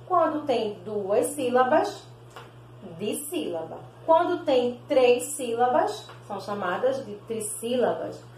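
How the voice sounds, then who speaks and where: Slow, patient woman teacher. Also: fairly high pitch, echoey room, a little hiss or hum, poor audio. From Brazil. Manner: slow, sounds out words syllable by syllable, calls pupils "meus amores". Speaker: primary school teacher. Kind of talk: recorded video class.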